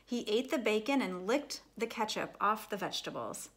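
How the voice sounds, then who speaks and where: Reading a children's picture book aloud, this woman takes on a storyteller's role, her mid-range voice shaping the words with deliberate expression for a young audience.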